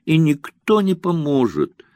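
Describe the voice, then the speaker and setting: A man voicing a tearful young woman who pleads and sobs, his voice lifted well above its usual pitch. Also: a little slow, gravelly, warm tone, husky, dry recording, studio quality, full character voice. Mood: sobbing. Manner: sobbing, imploring.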